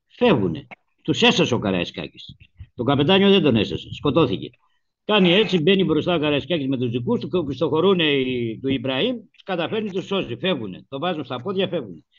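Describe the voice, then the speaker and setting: Male radio host, lively storyteller, slightly high voice, lo-fi sound. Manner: lively storyteller, acts out quoted speech. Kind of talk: animated history storytelling on talk radio. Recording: lo-fi radio recording.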